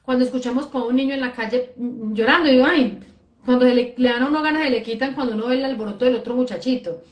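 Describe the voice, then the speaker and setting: A woman's voice: fairly high pitch, racing, echoey room, lo-fi sound. A woman host talking casually about her relationships, telling personal anecdotes in a conversational way. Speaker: host, life coach. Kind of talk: casual chat.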